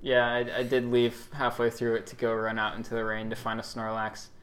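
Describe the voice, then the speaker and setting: A man co-hosting a casual podcast, quick to chime in and correct with dry remarks. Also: mid-range voice, completely flat delivery, fairly bright tone. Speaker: podcast co-host. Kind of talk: casual chat.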